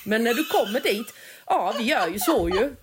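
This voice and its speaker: A woman's voice: fairly high pitch, animated, slight background noise. A woman with a Småland Swedish accent chatting casually and enthusiastically as a co-host, laughing easily. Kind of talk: casual chat.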